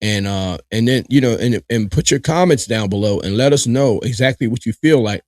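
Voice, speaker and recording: A man's voice: mid-range voice, a little fast, a little mellow, dry recording. Emphatic man reacting live, dry sound. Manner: emphatic, repetitive, addresses viewers directly. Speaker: live reaction show host.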